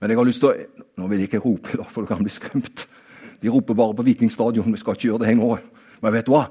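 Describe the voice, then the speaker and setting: A man preaching a sermon. He talks straight to his listeners, rising to emphatic high points and then dropping to quiet asides. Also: slightly rough. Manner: animated, talks straight to the listener with repeated "vet du hva?"; swings between raised, emphatic peaks and quiet, low-voiced asides.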